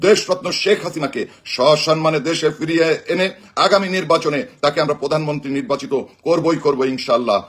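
A man with a husky voice and a Bangladeshi accent, giving an emphatic, declamatory political speech on a live stream. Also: a little high, fairly bright tone. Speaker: political party activist.

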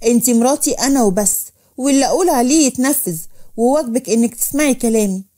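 A woman's voice: on the high side, very fast, mellow, lightly acted. A woman voicing a jealous, possessive young husband, who gives orders. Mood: bossy. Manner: bossy, commanding.

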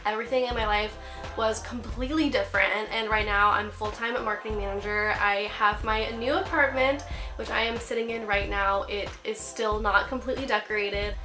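Seated on her bed in a small apartment bedroom, a twenty-something lifestyle vlogger who is getting over a cold gives a casual, upbeat tutorial peppered with "like." Her mid-range voice has fairly even intonation and a moderate pace, heard over music.

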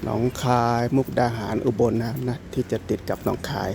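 A man with an Isan Thai accent talks his way through a casual walking vlog, his voice gravelly with fry. He rambles and restarts his sentences. Loud traffic and street ambience fill the outdoor night recording. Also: medium pitch, fairly even intonation, normal speed. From Isan, northeastern Thailand. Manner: rambling, with many restarts and fillers. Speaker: vlogger.

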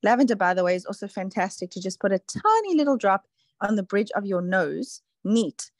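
A woman's voice: mid-range voice, big pitch swings, brisk, no room sound. A woman talks through tips on a casual online call, chatty and explanatory, her words tumbling out with fillers. Her voice sits mid-range and sounds close and dry. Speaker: presenter on a product call.

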